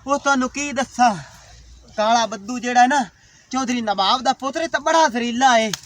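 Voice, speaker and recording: High, bright-voiced man in a comedy skit. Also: brisk, a little hiss or hum. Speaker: comic actor. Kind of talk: village comedy sketch.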